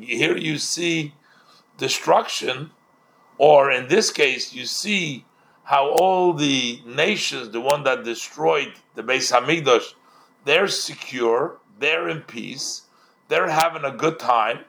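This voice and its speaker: Slow-talking rabbi type guy, gravelly voice, retells then explains with lots of restarts. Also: fairly high pitch, expressive, fairly bright tone. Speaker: Torah teacher. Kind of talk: storytelling Talmud class.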